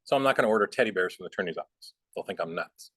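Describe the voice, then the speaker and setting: A man teaching a bookkeeping software class in a relaxed, rambling way, with plenty of fillers and chatty asides. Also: on the low side, rapid-fire, no room sound. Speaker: bookkeeping instructor.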